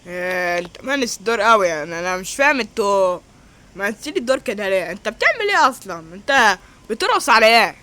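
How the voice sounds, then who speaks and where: A woman with an Egyptian Arabic accent doing a playful, teasing role-play over game footage. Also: medium pitch. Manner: animated, teasing, quick.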